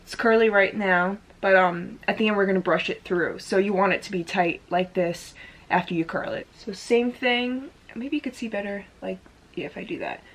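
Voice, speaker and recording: A chatty hair-tutorial vlogger with a mid-pitched voice walks through a casual step-by-step demonstration at a moderate pace, sprinkling in lots of "like." She's recorded by a camera positioned in front of her.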